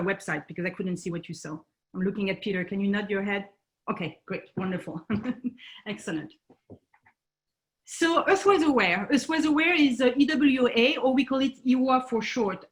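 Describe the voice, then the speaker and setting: With a fairly high pitch and a French accent, this woman from France presents her nonprofit at an online talk via video call, often pausing hesitantly and starting her sentences over.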